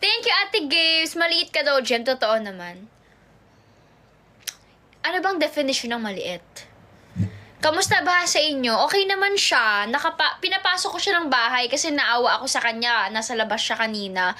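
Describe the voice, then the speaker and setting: A woman's voice: high-pitched, lively intonation, moderate pace, bright, forceful tone. A young woman idol chatting casually on a phone livestream from home, reading viewer comments aloud and mixing two languages. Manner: chatty, switches between Tagalog and English, reads viewer comments aloud.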